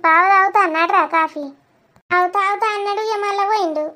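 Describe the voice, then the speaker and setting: A woman's voice: very high-pitched, fast talker, sharp tone. A woman with a Telangana accent performing a chatty, scolding village family comedy skit. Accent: Telangana Telugu.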